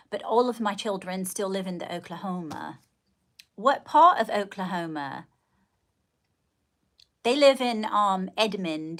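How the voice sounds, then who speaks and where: With a mid-range, slightly bright voice, a middle-aged woman runs a relaxed livestream. She greets viewers effusively and keeps calling them endearing names as she chats.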